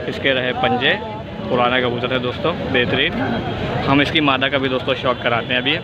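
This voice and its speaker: A man's voice: mid-range voice, little pitch movement, a little fast. A man with a Lucknow Hindi accent giving a chatty walkthrough of a pigeon market, talking straight to his viewers as friends. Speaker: vlogger showing pigeons at a market. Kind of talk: handheld market walkthrough commentary. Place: crowded outdoor pigeon market. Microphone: phone camera held close. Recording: dull lo-fi phone audio with loud crowd and traffic noise.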